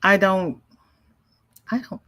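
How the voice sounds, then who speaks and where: A woman from the American South runs a crochet livestream, talking slowly in a medium-pitched voice that's pushed and bright, with fairly even intonation. Casual and rambling, she reads viewer comments aloud through a congested voice. She frequently cuts herself off and restarts.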